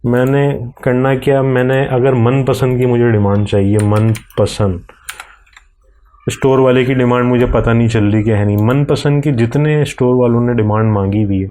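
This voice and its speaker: A man with a Pakistani accent slowly walking through a software screen recording, step by step. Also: mid-range voice, steady tone. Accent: Urdu-Hindi speaking, Pakistani. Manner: slow, step-by-step explaining while clicking. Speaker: software tutorial presenter.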